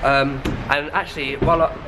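A man's voice: mid-range voice, fairly even intonation, a little fast, noisy background. A young man, rambling casually to the camera in a vlog, sounding a bit ill with a blocked nose. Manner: rambling, chatty. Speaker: vlogger.

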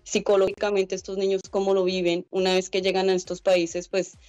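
This young Colombian guest, head of a migrant organization, speaks from home into a laptop webcam during a video-call interview. Her mid-range voice is monotone, brisk and somewhat dark, recorded dry with faint music in the background. She explains things earnestly, filling gaps with frequent "eh" and "pues."

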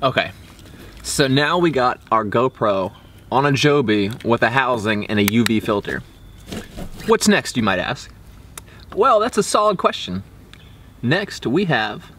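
A man's voice: mid-range voice, fairly bright tone. Informal young man vlogging outdoors. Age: 20s. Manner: informal, slangy. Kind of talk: casual product review to camera. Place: outdoors, backyard and woods. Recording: faint outdoor background noise.

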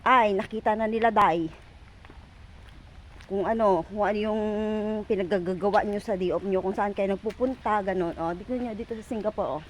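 A woman's voice: medium pitch, normal speed, a little hiss or hum, rough recording. A woman vlogging outdoors while she walks, chatty and teasing, out of breath, talking into a phone. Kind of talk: casual walking vlog. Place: outdoors on city streets.

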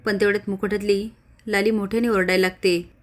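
A woman narrates the recap of a TV serial in plain, steady storytelling. Her pitch is mid-range and stays flat, with little rise or fall. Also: fast talker.

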